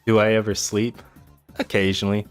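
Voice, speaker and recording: Low-voiced man casually narrating gameplay. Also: a little fast, clear, resonant tone, soft background music. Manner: relaxed, rambling, self-deprecating. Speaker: streamer.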